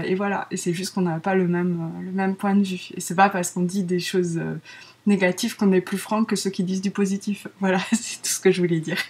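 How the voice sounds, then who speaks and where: A woman's voice: lowish voice, a little mellow, slightly rough. A woman in her thirties with a French accent, hosting a craft podcast in a giggly, rambling casual chat full of fillers. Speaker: podcast host.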